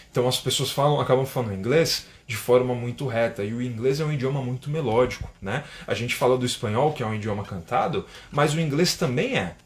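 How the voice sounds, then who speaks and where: A Brazilian man with a Brazilian Portuguese accent, an English teacher giving a live-stream lesson and reading viewer comments, tagging his sentences with a questioning "né?". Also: mid-range voice. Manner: chatty, keeps asking "né?", reads viewer comments aloud. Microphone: phone or webcam for an Instagram live.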